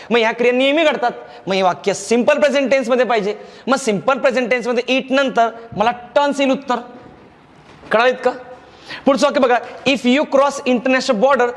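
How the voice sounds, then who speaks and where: A man's voice: very high voice, long reverb tail. A man with a Marathi accent teaching a grammar lecture, explaining patiently, repeating key phrases and checking that students follow. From India.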